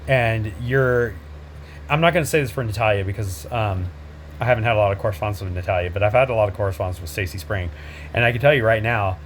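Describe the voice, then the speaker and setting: A man hosting his own show, bluntly addressing people directly to camera in a confrontational way, with many pauses and fillers. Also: medium pitch, a little hiss or hum. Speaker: host, a father speaking out.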